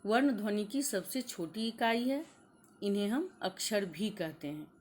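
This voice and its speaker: Woman teacher, patient classroom delivery, spells out letters slowly for children, mid-pitched voice. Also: animated, darkish tone, a little hiss or hum. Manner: slow, deliberate, sounding out letters one by one. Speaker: school teacher. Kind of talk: classroom grammar lesson.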